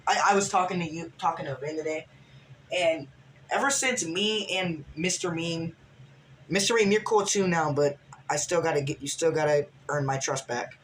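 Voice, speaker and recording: A man's voice: fairly high pitch, fairly even intonation, normal speed, a bit bright, a little hiss or hum. A man telling a rambling storytime vlog, full of restarts and fillers. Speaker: vlogger. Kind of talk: casual storytime recap.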